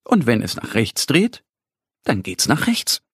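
A male narrator reads a children's story slowly, with a gentle manner. His pitch moves in wide, lively swings. A slightly husky tone comes through a dry, close studio mic. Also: no room sound.

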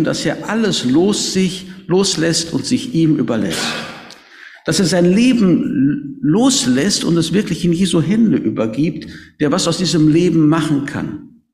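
A man's voice: a little high, darkish tone. A man preaching a sermon in a church, earnest and emphatic, stressing key words. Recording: echoey reverberant hall.

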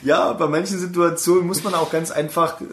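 A man's voice: fairly high pitch, steady tone, fairly quick, roomy sound, background noise. A man co-hosting a podcast in casual chat, slangy and repetitive, calling his partner bro. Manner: slangy, repeats himself, calls people bro. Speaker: podcast co-host.

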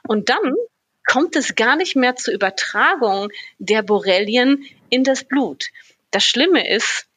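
Eine Frau, Umweltmedizinerin, die im Interview sachlich und mit vielen Füllwörtern medizinische Zusammenhänge erklärt. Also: female voice, fairly high pitch, lively intonation, fairly bright tone, slightly rough, no echo. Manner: measured, explanatory, many filler sounds. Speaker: environmental physician. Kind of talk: explaining in an interview.

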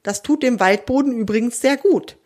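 A woman's voice: medium pitch, lively intonation, normal speed. A woman voicing a proud, friendly female wild boar in a children's audio story, speaking with dignity and easy indignation. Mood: indignant.

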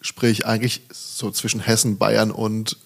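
A man from the Bergstraße region hosts a podcast in a relaxed, chatty manner. His voice has a gravelly, creaky edge. He puts friendly questions to his guest. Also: on the low side, unhurried. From Bergstraße area, southern Germany. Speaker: podcast host. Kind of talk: casual chat.

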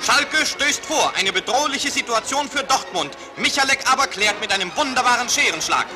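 This is a man's voice from an old newsreel soundtrack. He calls the match in a brisk, declamatory announcer manner with a strikingly high voice. Loud music plays under the whole commentary. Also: expressive. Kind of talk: 1950s newsreel sports commentary.

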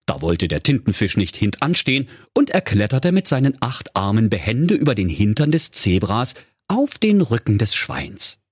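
A man's voice: lowish voice, huge pitch swings, moderate pace, breathy edge, no echo, clean studio sound. A man narrating a comic fairy tale in an ironic, playful way. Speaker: storyteller.

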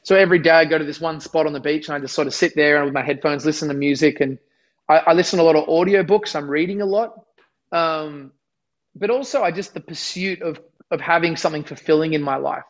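Chatting in a casual interview, this young Australian musician speaks fast with a slightly high voice that's worn from losing it. His talk is rambling and self-deprecating.

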